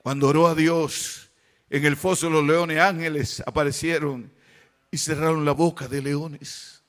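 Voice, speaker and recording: A man preaching a sermon as pastor, swinging between fervent shouts and hushed, tender tones. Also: on the high side, fairly even intonation, measured pace.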